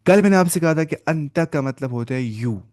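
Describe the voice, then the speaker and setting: Mellow-voiced man teaching a class. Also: a little high, expressive, no echo, studio quality. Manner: repeats key words and asks the class quick check questions; patient step-by-step explaining, mixing in English terms. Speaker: Arabic teacher. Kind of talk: online language lecture.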